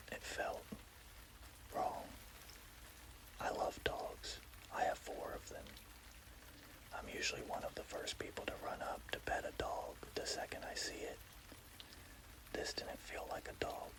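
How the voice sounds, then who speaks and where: A person telling a scary story in a hushed, slow, deliberate ASMR whisper.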